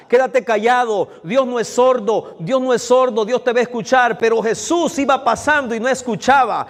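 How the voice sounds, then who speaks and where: A man preaching an evening sermon to his congregation, speaking to them directly and repeating phrases for emphasis. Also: very high-pitched. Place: church hall. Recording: long reverb of a church hall.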